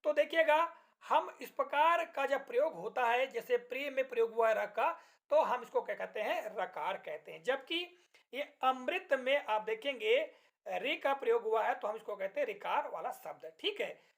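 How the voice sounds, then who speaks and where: A man teaching a grammar lesson from slides. He explains step by step, checks in often with the class, and recites poem lines slowly and deliberately. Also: very high-pitched, expressive, a bit bright.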